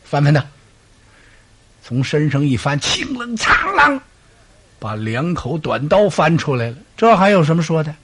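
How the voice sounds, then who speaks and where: A man performing a traditional story with animated, dramatic narration and vivid sound effects. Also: fairly high pitch, normal speed, breathy edge.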